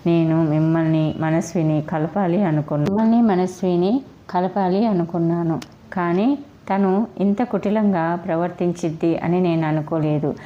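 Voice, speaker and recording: A woman's voice: on the low side, normal speed, natural voice. A woman voicing a young wife who earnestly apologizes and begs her husband not to leave her, read in a storybook style. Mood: pleading. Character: young wife, remorseful and pleading. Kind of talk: storybook reading. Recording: dull lo-fi recording.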